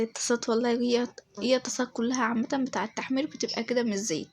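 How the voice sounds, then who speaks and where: A woman's voice: on the high side, creaky. A woman with an Egyptian accent, chatting through a voice-over of her home routine with lots of fillers and check-ins with viewers. Her voice sounds a little off. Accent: Egyptian Arabic. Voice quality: slightly changed, a bit off. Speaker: home vlogger.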